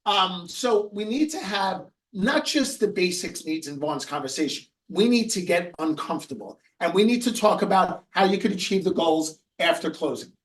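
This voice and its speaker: A man giving a real estate coaching webinar, telling a client story earnestly and going soft and quiet in the emotional parts. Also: high voice, animated, moderate pace, few pauses, echoey room, distant mic. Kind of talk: webinar presentation.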